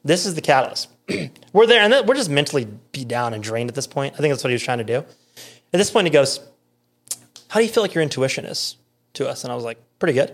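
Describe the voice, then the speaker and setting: Man, American accent, rapid storyteller, fillers, acted-out quotes. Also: mid-range voice, big pitch swings, a bit bright. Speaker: podcast guest telling a story. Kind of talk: casual storytelling chat.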